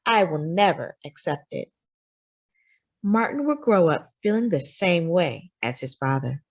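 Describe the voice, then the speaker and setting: Hosting story time, a woman with a lowish voice reads a picture book aloud to young children, giving the words deliberate, expressive phrasing.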